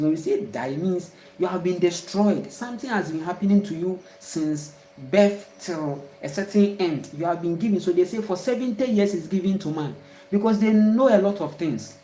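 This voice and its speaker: A woman's voice: on the low side, warm tone, a little hiss or hum. Emphatic Ghanaian woman in an echoey room. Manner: repetitive, emphatic, full of exclamations. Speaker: spiritual speaker. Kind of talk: rambling spiritual monologue.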